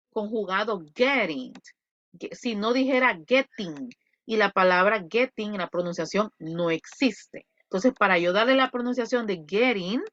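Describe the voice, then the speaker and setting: A woman, a Spanish speaker, teaching an English class online and voicing her students' questions in an animated way. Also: medium pitch, dry recording, lo-fi sound.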